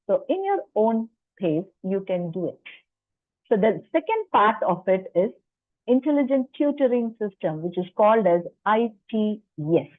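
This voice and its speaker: A woman lecturer presents at a faculty workshop, explaining things chattily with personal asides and rhetorical questions. Her medium-pitched voice is sing-song at normal speed, with no echo. The line sounds dry and tinny, like a phone.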